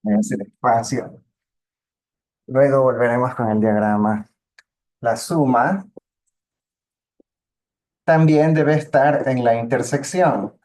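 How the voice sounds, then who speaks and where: A man's voice: mid-range voice, fairly even intonation, slow, long pauses, darkish tone. A man teaching a math lesson, explaining patiently step by step and checking in with his students. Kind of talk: lecture on linear algebra.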